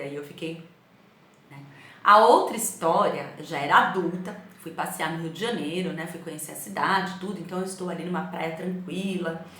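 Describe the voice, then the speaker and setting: Animated São Paulo teacher, echoey room. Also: female voice, lowish voice. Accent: São Paulo Portuguese. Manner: storytelling, animated, asks the class "né?". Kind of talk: recorded remote class.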